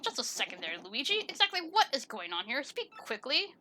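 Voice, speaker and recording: A woman's voice: high voice, big pitch swings, brisk, sharp tone, a little hiss or hum, heavily acted. A woman reading aloud as a pompous male penguin detective with stately, over-formal phrasing, reading the game's dialogue.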